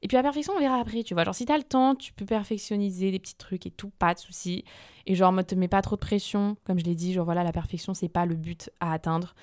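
A young woman talks through her solo podcast in a loose, chatty way, full of slang and fillers. Her voice sits at a middle pitch. The sound is dry and close. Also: fast, a little mellow, no echo. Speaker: podcast host. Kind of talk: casual solo podcast talk.

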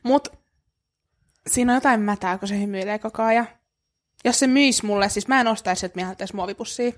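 A woman co-hosting a podcast in casual chat, telling stories and acting out what people said. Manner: animated storyteller, acts out quotes in a high voice. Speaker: podcast co-host.

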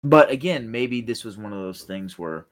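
A man co-hosting a podcast, chatting casually with his brother. His voice is on the low side. He hesitates often and fills the gaps with ums. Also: expressive, normal speed. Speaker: podcast co-host. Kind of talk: casual chat.

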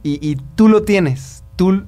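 A man's voice: high voice, takes it slowly, mellow. A man with a Mexican accent, co-hosting a podcast, telling a spiritual story in casual talk full of restarts and fillers. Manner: rambling with many restarts and fillers. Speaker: podcast co-host.

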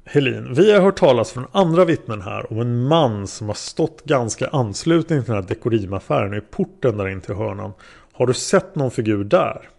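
A man's voice: mid-range voice, lively intonation, creaky, darkish tone. Man reading as methodical male prosecutor. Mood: probing. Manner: methodical questioning.

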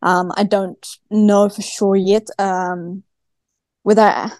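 A woman's voice: medium pitch, level tone, slow pace, a little mellow, dry recording. A woman with a broad New Zealand accent, chatting casually as a guest athlete in a podcast interview. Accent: broad New Zealand (Kiwi). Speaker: guest, professional cyclist.

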